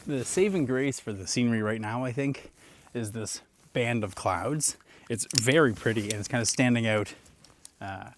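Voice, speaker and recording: Talking as he walks through snowy woods, a young adult man who photographs landscapes narrates his vlog casually to the camera, relaxed, musing and short of breath. His mid-range voice moves at normal speed, with background noise behind it.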